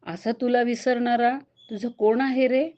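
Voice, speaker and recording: A woman's voice: on the high side, steady tone, unhurried, a little mellow, dull audio, voice pushed up, lightly acted. A woman voicing a playful, kind young divine woman who teases and coaxes. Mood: teasing. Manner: teasing, coaxing.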